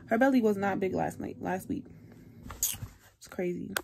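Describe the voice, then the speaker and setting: A woman's voice: medium pitch, normal speed, gravelly, slight background noise. A young woman vlogging, telling a story casually with lots of slang and swearing. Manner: animated, profane, slangy storytelling.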